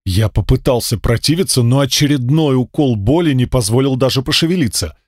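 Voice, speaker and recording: A man reading a first-person fantasy audiobook in a steady, measured storytelling voice. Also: mid-range voice, no echo, studio quality. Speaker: audiobook narrator.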